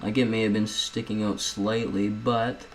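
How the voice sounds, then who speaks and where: A man's voice: on the low side, flat delivery, moderate pace, slight background noise, low-quality recording. A young man at home casually talking viewers through a video editing tutorial, rambling and chatty, often calling them guys. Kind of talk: casual screen-recorded tutorial.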